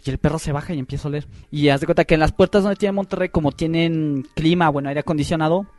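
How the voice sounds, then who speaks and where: A man's voice: a little high, quick pace, no room sound. Slangy young man storytelling. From Mexico. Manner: slangy, profane, animated retelling with voiced quotes. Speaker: podcast host. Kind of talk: casual storytelling among friends.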